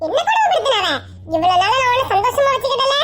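Bossy, taunting young husband with a Kanyakumari Tamil accent, voiced by a woman, high and quick. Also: big pitch swings, fairly bright tone, heavily acted. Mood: arguing. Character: hot-tempered young husband.

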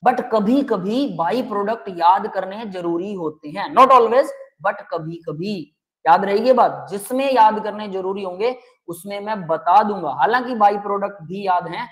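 A man's voice: high voice, measured pace, a bit bright. Male chemistry teacher, live online lecture, step-by-step explaining, checks in with students often. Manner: explains step by step, keeps asking students if it is clear; addresses students as beta and bhai.

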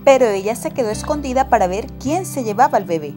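A woman narrating a toy-game story in a gentle storytelling tone. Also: fairly high pitch, animated, quick pace. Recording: loud background music.

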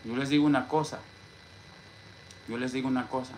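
Man, Mexican accent, live-stream vlogger, boastful rant, repeats "hombre", greets chat, middle pitch. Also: fairly even intonation, brisk, darkish tone, slight background noise.

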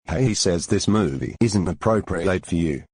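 A man playing a shabby older homeless man in a cartoon, with a husky voice. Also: sits low, expressive, moderate pace, darkish tone, no room sound, studio quality. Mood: plain, obliging.

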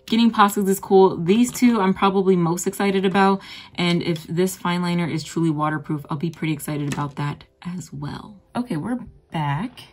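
A woman's voice: fairly low pitch, moderate pace, slight background noise. A young woman talking casually while she draws, with a groggy morning voice and a chatty, rambling, self-deprecating manner. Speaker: art vlogger. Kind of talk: casual narration while drawing.

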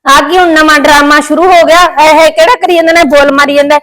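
A woman playing a sharp-tongued young wife. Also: sits high, steady tone, fast. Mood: indignant, scolding. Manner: scolding, indignant retorts. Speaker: daughter-in-law.

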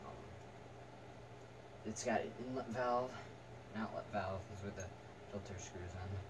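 Low-voiced young man, far from the mic. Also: unhurried. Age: teens to young adult. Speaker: video reviewer. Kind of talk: casual, unscripted product review. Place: small attic room indoors. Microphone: camera a few metres away. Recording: distant camera mic, noisy room.

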